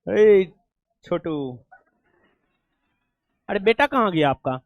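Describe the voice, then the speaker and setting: Man, Bihari Hindi accent, high pitch, dry close sound, fond teasing teacher type. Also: very animated, takes it slowly, dry recording. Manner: affectionate, joking, fussy. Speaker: coaching teacher. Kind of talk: casual chat while honoring students.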